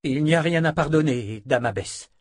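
Man doing a fierce, imperious young dark sister. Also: on the high side, normal speed, dry recording, clean studio sound, pitched above the performer's own voice, lightly acted. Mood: curt. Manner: vehement, imperious.

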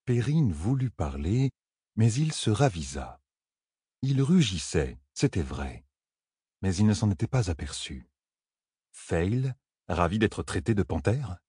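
A man narrating a fantasy novel in a measured storytelling manner. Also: sits low, very animated, warm tone, breathy edge, dry recording. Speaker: audiobook narrator. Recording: dry close studio sound.

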